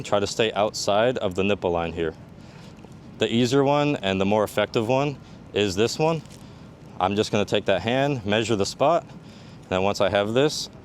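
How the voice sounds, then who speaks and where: A man with a fairly low voice walks through a practical demonstration as a military medical instructor. He explains methodically, one step after another. There is some faint ambient noise, like vehicle rumble, behind him. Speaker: army combat medic instructor.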